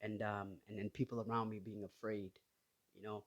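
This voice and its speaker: A man in his thirties from Somalia, hosting his own podcast and talking in a halting, personal way full of restarts. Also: lowish voice, level tone. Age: 30s. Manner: hesitant, halting, with many restarts and fillers. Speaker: podcast host. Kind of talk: casual solo podcast talk.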